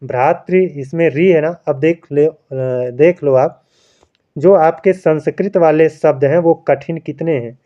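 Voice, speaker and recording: Guy teaching exam stuff, keeps going "right friends?", a bit high, muffled recording. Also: measured pace. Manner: keeps asking rhetorical questions, repeats "है ना दोस्तों". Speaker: Hindi teacher. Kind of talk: exam-prep lesson.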